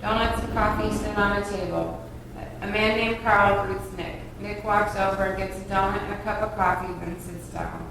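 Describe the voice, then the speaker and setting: At a table read, a woman narrates the stage directions from the script in a medium-pitched, steady voice with some vocal fry, moving at a moderate pace. She sits far from the mic in a reverberant room, so the recording is echoey with faint background noise.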